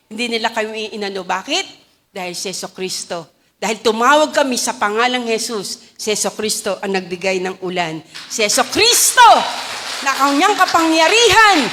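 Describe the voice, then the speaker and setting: A woman with a Filipino accent preaching a testimony sermon, telling stories with animated calls to the congregation. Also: high voice.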